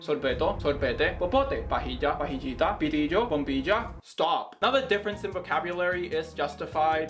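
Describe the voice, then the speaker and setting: A man's voice: fairly high pitch, a bit bright. A young man, a native Spanish speaker, hosting a comedic commentary video in a sarcastic, exaggerated ranting manner. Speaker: video essay host. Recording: music bed underneath.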